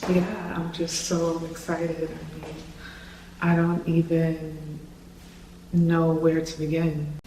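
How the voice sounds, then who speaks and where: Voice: medium pitch, slow, background noise. Gushing young vlogger echoing in an empty room. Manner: gushing, overwhelmed with excitement. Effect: echo of an empty, unfurnished room. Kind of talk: casual vlog apartment tour. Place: empty studio apartment indoors. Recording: echoey empty room, distant mic.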